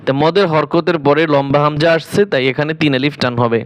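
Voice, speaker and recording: A man teaching Quran reading, spelling out letters and vowel marks one by one, then chanting each verse in long drawn-out tones. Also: on the high side, fairly even intonation.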